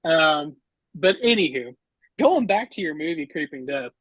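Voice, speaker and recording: A man's voice: a little high, sing-song, measured pace, fairly bright tone, no echo, lo-fi sound. Late twenties guy cohosting, dry close sound, jokey, trips over his words a lot. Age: late 20s. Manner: joking, stammering restarts. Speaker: podcast co-host. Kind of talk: casual interview chat.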